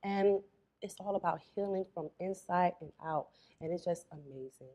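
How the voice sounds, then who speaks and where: A young adult woman from Florida, a spa owner, chatting as an interview guest in a relaxed, storytelling way. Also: fairly low pitch, moderate pace. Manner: relaxed storytelling, quotes her mother. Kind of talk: casual interview talk.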